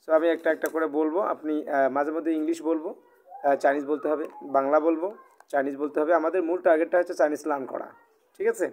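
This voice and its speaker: A man's voice: on the high side, fairly even intonation, fast, a little mellow. A man with a Bangladeshi Bengali accent teaching Chinese in a live online class, patient, repeating and rephrasing himself with many "ah" fillers. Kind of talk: live online language class, oral exam.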